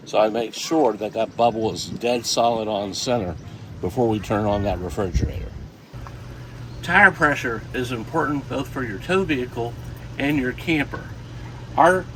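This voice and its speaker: Folksy older man outdoors, noisy background. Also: medium pitch. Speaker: RV camping vlogger. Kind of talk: casual instructional vlog. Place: outdoors beside a parked camper.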